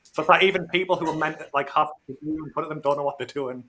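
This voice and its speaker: A man's voice: fairly high pitch, rapid-fire, pushed and bright, slight background noise. A man chatting casually as a guest on a livestream call, informal and slangy, talking like he is among mates. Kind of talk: casual chat. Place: remote video or voice call.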